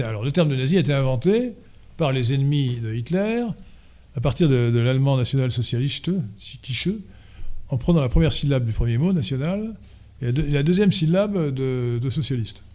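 A man's voice: mid-range voice, lively intonation, fairly quick, warm tone. A man giving a conference lecture and answering audience questions, hesitant and full of fillers and restarts, then driving his points home emphatically.

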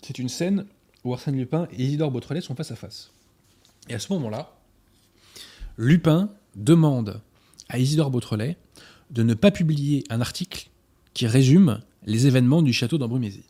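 A man hosting a talk, presenting novels and reading passages aloud in a measured, sometimes hesitant way. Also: mid-range voice, lively intonation, mellow. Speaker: host presenting books. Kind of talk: book presentation and read-aloud.

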